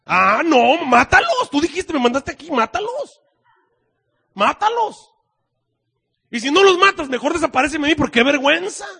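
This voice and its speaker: A man with a Mexican accent voicing a sulking, childish prophet who whines, pleads and shouts in angry outbursts. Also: sits high, steady tone, brisk, slightly rough. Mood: furious pleading.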